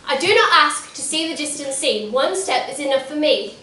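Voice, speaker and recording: Teen girl doing a fragile sighing young woman, high voice, school play, echoey hall from far back. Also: animated, moderate pace, sharp tone, a little hiss or hum. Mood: pleading. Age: teenage. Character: young woman saying farewells, fragile and wistful. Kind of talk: stage acting.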